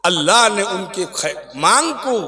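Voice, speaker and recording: High-voiced impassioned male preacher, echoing hall. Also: animated, takes it slowly. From West Bengal, India. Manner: impassioned, swinging between shouted peaks and hushed drops. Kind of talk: Islamic sermon.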